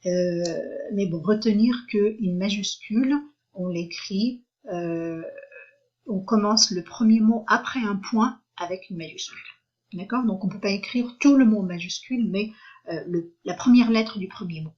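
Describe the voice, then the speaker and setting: A woman's voice: mid-range voice, unhurried, husky, dull audio. A woman teaching a reading lesson for beginners, patient and repetitive, checking often that her listeners follow, with frequent hesitant fillers.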